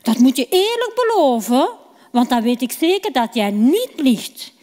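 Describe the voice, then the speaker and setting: A woman's voice: high-pitched, big pitch swings, unhurried, darkish tone. Woman doing a coaxing scheming brother. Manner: coaxing, bargaining. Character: scheming younger brother, calm shepherd. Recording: reverberant hall.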